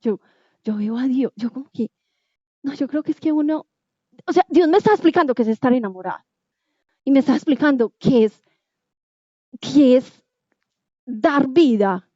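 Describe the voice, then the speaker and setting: A woman's voice: high-pitched, lively intonation, dry recording. Emotional Colombian woman giving testimony. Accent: Colombian Spanish. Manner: emotional, acts out dialogue with quick shifts in tone. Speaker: testimony speaker. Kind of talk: personal faith testimony. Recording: dull, muffled sound in a dry space.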